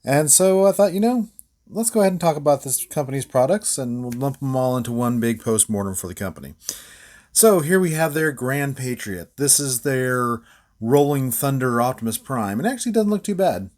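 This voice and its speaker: A man reviewing toy figures in a relaxed, rambling way, with many fillers and small laughs. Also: mid-range voice, moderate pace. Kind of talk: casual hands-on toy review.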